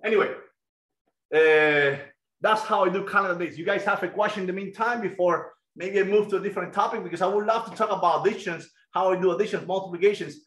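A middle-aged man with a Cuban Spanish accent giving an energetic online math lesson and quizzing students over a video call headset. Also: high-pitched, roomy sound, poor audio. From Cuba. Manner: energetic, asks students questions. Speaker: guest lecturer.

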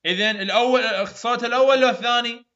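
Iraqi-accented male phonetics teacher, high bright voice, slow drill repeats, muffled class recording. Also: steady tone. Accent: Iraqi Arabic. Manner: repeats sounds slowly, praises students often.

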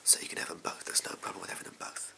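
A man's voice: rapid-fire, bright, forceful tone. A young English man in a whispered role-play, playing a shady, amoral backstreet gun dealer with furtive, clipped, offhand sleazy salesman patter. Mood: furtive, selling. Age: young adult. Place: small indoor room at home. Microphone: close to the camera.

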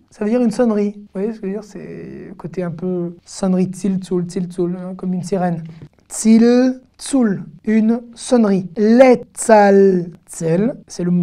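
A woman with a mellow, medium-pitched voice teaches Hebrew online. She patiently sounds out each word syllable by syllable, then repeats it.

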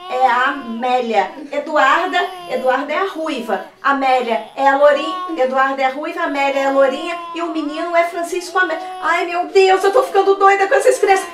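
A channel host plays a frazzled young mother in a pretend-play skit, sounding pleading and exasperated. Her voice sits high and is a bit bright. She's recorded far from the mic in an echoey room.

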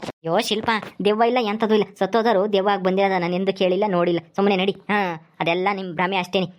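A woman playing a skeptical father-in-law who brushes off talk of ghosts and scolds briskly in a comic skit. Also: medium pitch, level tone, background noise, lightly acted. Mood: dismissive.

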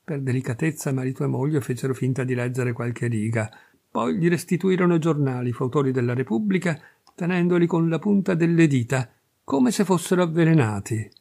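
A man reading a classic short story aloud as an audiobook, with measured, expressive narration. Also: a little high, gravelly. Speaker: reader.

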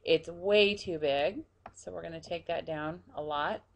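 A woman narrating a screen-recorded software tutorial, quietly talking through each step as she clicks. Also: deep voice, measured pace. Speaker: tutorial presenter.

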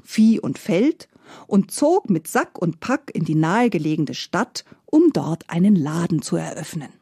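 A woman telling a fairy tale in expressive scripted narration, sometimes dropping to soft whispered phrases. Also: fairly low pitch, breathy edge, no room sound, clean studio sound. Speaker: storyteller.

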